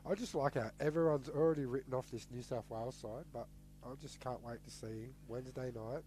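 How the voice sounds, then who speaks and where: A man's voice: mid-range voice, steady tone, a little fast, dark tone, a little hiss or hum. A man with an Australian accent, co-hosting a casual sports podcast, laid-back but firm in his opinions and often answering briefly. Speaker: podcast co-host.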